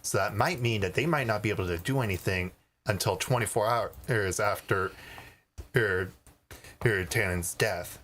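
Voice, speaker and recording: A man's voice: fairly low pitch, normal speed, a bit bright, slight background noise. A man playing a tabletop game, hesitant and thinking aloud. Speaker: player. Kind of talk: casual tabletop play.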